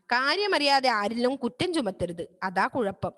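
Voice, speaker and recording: A woman teacher reading the part of a gentle farmer father, speaking soothingly and moralizing, with long reverb. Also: on the high side, sing-song, a little slow. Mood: calm.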